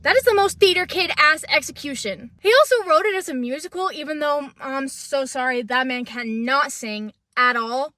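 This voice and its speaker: A young woman talking through a casual commentary in a chatty, sarcastic way. Her voice sits high, and the recording is close and dry. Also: moderate pace, hardly any pauses, pushed and bright, no room sound. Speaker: video essayist.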